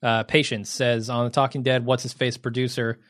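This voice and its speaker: An easygoing man reads listener emails aloud on a podcast and keeps the casual chat moving. His voice sits at a middle pitch and sounds dry and close, with no room around it. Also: level tone, normal speed, a bit bright, no room sound. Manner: easygoing, moves the talk along.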